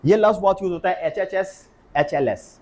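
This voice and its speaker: A man's voice: high-pitched, normal speed, darkish tone. A middle-aged man with a Pakistani Urdu accent, giving a classroom law lecture and explaining step by step while mixing in English legal terms.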